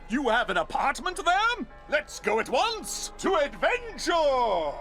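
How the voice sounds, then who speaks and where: A man's voice: high voice, sharp tone, full character voice. A man playing a boastful old-fashioned explorer hero in a video game, pompous, theatrical and given to exclaiming. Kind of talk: video game character acting.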